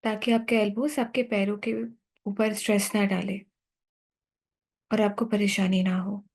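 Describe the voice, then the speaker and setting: In a medium-pitched voice, an Indian-accented woman talks through a sleep meditation. She stays calm and unhurried, and her soothing guidance is spaced out by long pauses.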